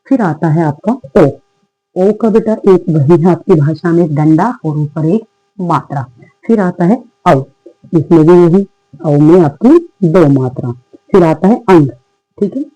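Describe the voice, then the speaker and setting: A woman's voice: fairly low pitch, expressive, a little slow, mellow, no echo, rough recording. A woman teacher giving a patient online lesson to young children, often calling them "beta", asking questions and answering them herself. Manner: patient, calls pupils "beta", asks and answers her own questions; often says "theek hai" between points.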